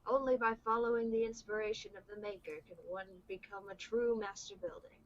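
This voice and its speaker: A woman's voice: on the high side, fairly even intonation, brisk, highs cut off, natural voice. A woman reading the lines of a wise old male wizard mentor in a casual script read-through, in her own voice. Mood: earnest.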